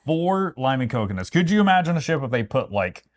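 Speaking fairly quickly and with lots of animation, this medium-pitched man co-hosts a travel vlog. He chats casually and shares opinions playfully and wryly, leaning on mock-grand emphasis, in the style of a laid-back opinionated review.

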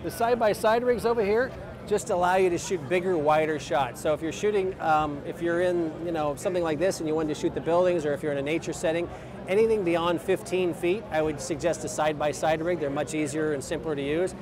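A man's voice: a little high, fairly quick. A man in his forties casually explaining camera gear at an outdoor trade show booth, speaking into a lapel mic with plenty of fillers. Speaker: company president and filmmaker. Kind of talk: trade show equipment demo. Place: outdoor expo booth under an umbrella. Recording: outdoor crowd noise. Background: crowd chatter.

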